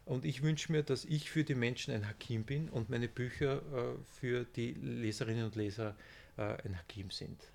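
A man's voice: medium pitch, normal speed, vocal fry, a little mellow. A man, an author talking to his audience and reading from his book, with frequent fillers. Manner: hesitant, many fillers and restarts.

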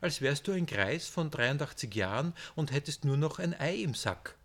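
A man's voice: fairly high pitch, normal speed, pitched above the performer's own voice. A man voicing a cheerful, teasing old man while reading his book aloud. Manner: lively, raised and teasing.

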